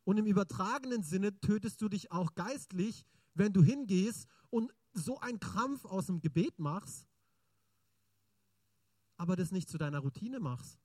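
A male preacher with a fairly high voice, giving a sermon in a chatty, lively way. He keeps turning to the congregation with questions. The sound is dry and close. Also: breathy edge, no room sound.

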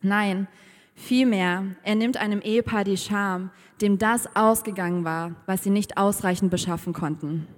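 A woman preaches a sermon, relaxed and conversational, with bits of humor and questions tossed to the listeners. Her voice carries through a church with a long, ringing reverb. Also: mid-range voice, normal speed.

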